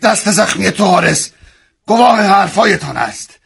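A man's voice: high-pitched, lively intonation, creaky, fairly bright tone, husky, pitched above the performer's own voice, exaggerated voice. A man voicing a menacing male bandit chief who barks orders and threatens in a strained, raised voice. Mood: threatening.

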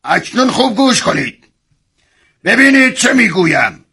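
A man's voice: high-pitched, very animated, bright, forceful tone, husky, voice pushed up, heavily acted. A man voicing a menacing male bandit chief who barks orders and threatens in a strained, raised voice. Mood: threatening.

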